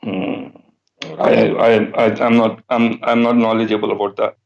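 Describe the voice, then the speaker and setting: A man's voice: fairly low pitch, flat delivery, moderate pace, creaky, muffled recording. A man from Switzerland, calling in to a debate show, who speaks hesitantly with many fillers and repeats. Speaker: caller. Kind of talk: phone-in debate.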